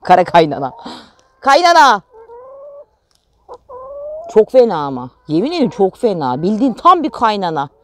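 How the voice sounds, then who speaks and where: A woman's voice: medium pitch, sing-song, quick pace, hardly any pauses, no room sound. A middle-aged woman from Turkey chatting casually through a home vlog and cooing affectionately to her chickens in the garden. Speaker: vlogger mother.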